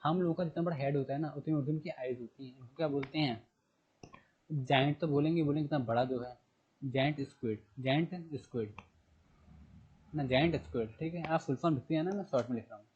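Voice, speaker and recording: In a muffled classroom recording, a man with a slightly high voice talks at a quick pace through a general knowledge lesson. He quizzes himself aloud and supplies the answers, going over terms again and spelling words one letter at a time.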